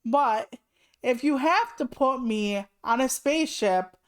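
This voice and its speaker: A woman's voice: high-pitched, takes it slowly. A woman in her late thirties chatting casually on a live stream, rambling through asides and swearing freely. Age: 30s. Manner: rambling asides with many "like" fillers.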